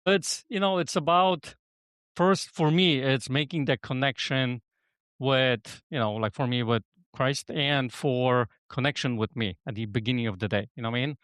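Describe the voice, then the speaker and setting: A man's voice: medium pitch, normal speed, fairly bright tone, clean tone, dry recording. Rambling middle-aged man from Poland, dry sound. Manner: rambling, leans on "you know what I mean". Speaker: podcast guest, business coach. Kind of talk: casual conversation.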